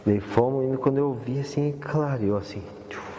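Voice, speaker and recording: A man's voice: mid-range voice, normal speed, warm tone. A man giving a rambling, heartfelt personal testimony for a documentary. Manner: rambling heartfelt storytelling with many fillers. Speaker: documentary interviewee. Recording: roomy echoey hall with faint ambience.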